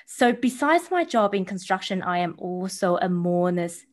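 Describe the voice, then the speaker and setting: A woman in her thirties from Taiwan with an Australian-tinged accent, chatting as a podcast guest in a bubbly, animated way. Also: on the low side, moderate pace. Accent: New Zealand and Australian. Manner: bubbly and animated, acting out quoted voices. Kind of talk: casual interview chat.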